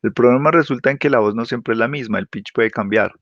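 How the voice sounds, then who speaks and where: Male lecturer, mid pitch, tag-question habit, dry lo-fi recording. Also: a bit bright, no room sound. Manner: checks understanding constantly with quick tag questions. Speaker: teacher. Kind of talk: explanatory class lecture. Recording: dull lo-fi dry sound.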